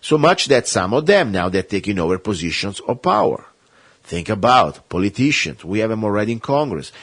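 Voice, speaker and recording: Husky-voiced man ranting on talk radio. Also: mid-range voice, dry recording. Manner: emphatic, rambling, impassioned. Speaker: radio talk show host.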